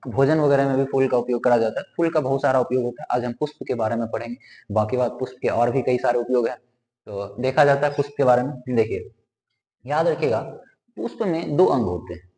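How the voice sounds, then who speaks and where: A man's voice: medium pitch, dark tone. Man teaching biology in a reverberant room. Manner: asks questions and answers them himself, repeating terms. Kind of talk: classroom lesson with drawing. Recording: echoey room with long reverb.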